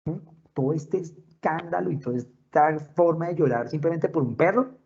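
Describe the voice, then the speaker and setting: A man's voice: on the high side, normal speed, warm tone, lo-fi sound, voice pushed up, lightly acted. A man putting on the voice of a blunt older sister who mocks and dismisses someone's grief. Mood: mocking. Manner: mocking, dismissive.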